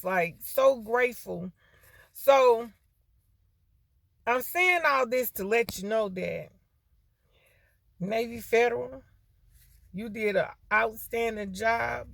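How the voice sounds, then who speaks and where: A woman's voice: a little high, gravelly, a bit bright, no room sound. A woman in her fifties giving an emotional, heartfelt testimony of thanks, stressing her points with repeated phrases. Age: 50s. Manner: emotional, repeats "when I tell you" for emphasis. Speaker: grateful customer giving a testimonial.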